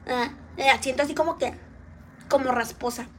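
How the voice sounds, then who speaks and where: High-pitched woman, Mexican accent, eating live stream, chatty, talks between bites. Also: fairly even intonation, moderate pace, a little hiss or hum. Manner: chatty, talks while eating, addresses viewers.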